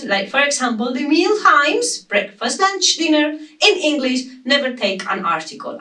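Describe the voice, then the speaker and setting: Slow, emphatic woman teaching English. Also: a little high, pushed and bright, distant mic. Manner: slow, emphatic, repeats example sentences. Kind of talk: online English grammar lesson. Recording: roomy echo, voice off-mic.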